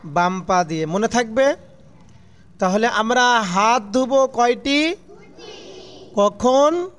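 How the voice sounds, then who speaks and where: A man's voice: very high voice, slow, a bit bright, clear, resonant tone. A man teaching children a religious lesson, asking questions and answering them himself in a falling tone, call-and-response style.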